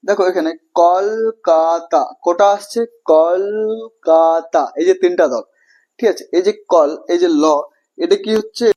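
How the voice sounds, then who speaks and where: A man's voice: high-pitched, a little fast, dark tone. A man with a Bengali accent teaching an English grammar lesson, repeating words and asking and answering his own questions. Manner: repetitive, checks understanding often, asks and answers own questions.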